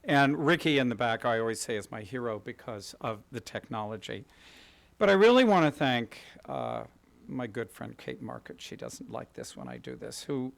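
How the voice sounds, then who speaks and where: A man's voice: medium pitch, vocal fry. A middle-aged man from Kansas City giving a prepared talk at a podium in an event hall, gracious and self-deprecating, telling stories in a polished way. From Kansas City, USA. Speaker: guest speaker, interior designer. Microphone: podium microphone.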